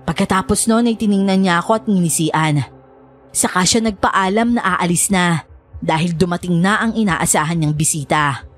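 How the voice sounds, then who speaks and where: A woman narrating a first-person horror story in a steady storytelling manner. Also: lowish voice, moderate pace, faint music behind.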